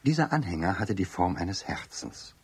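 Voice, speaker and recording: A man with a deep, husky voice narrates a children's radio play as the storyteller, speaking expressively and directly to young listeners. He keeps a moderate pace, with a little hiss or hum in the recording.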